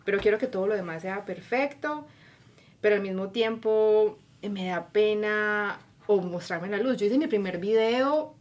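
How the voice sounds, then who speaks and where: A woman's voice: mid-range voice, moderate pace. Colombian woman telling her story animatedly. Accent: Colombian Spanish. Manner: animated storyteller who acts out her own inner voice. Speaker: guest. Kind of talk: casual interview conversation.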